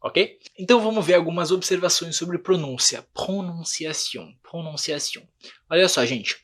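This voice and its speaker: A man's voice: high-pitched, expressive, fairly quick, breathy edge. A Brazilian man with a Brazilian Portuguese accent teaching an online French lesson, patiently repeating words and checking in with his students. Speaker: language teacher.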